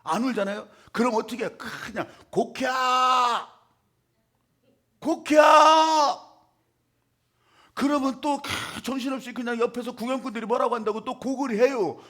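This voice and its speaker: Male pastor, sermon delivery, high husky voice, dramatic and theatrical, voices his characters. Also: quick pace, few pauses.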